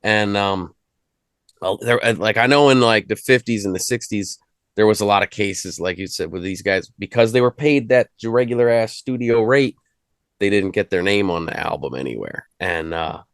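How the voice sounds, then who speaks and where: A man's voice: on the low side, moderate pace, clear, resonant tone, no echo, studio quality. A man hosting a casual music chat, loose and profane, trailing off and restarting his thoughts. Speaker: host.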